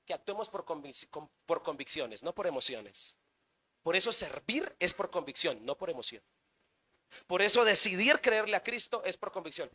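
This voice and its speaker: A man preaching a sermon in church, firing rhetorical questions and swinging between loud bursts and quiet stretches. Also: high-pitched, sing-song, moderate pace. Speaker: pastor.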